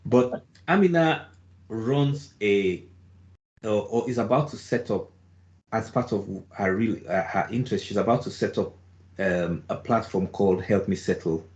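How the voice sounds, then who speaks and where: Jovial rambling male host, low voice. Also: unhurried, darkish tone, lo-fi sound. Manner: jovial, rambling, self-correcting. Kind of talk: online interview, introducing a guest.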